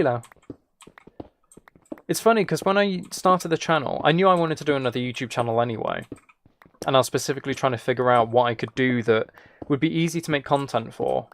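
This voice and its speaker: A gaming and ASMR channel creator livestreams a game, rambling casually and thinking aloud as he answers viewers. His voice is medium-pitched and gravelly.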